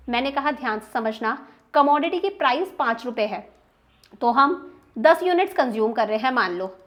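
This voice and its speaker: A young woman with an Indian accent teaching an exam-prep economics lecture, explaining step by step, stressing key terms and often asking if students have understood. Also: high-pitched. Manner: explains step by step, checks understanding with repeated questions.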